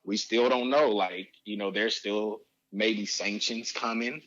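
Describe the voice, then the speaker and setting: Middle-aged man, low and unhurried, hesitant casual interviewee, dull lo-fi sound. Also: fairly even intonation, a bit bright. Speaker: father of a recruited athlete, interviewee.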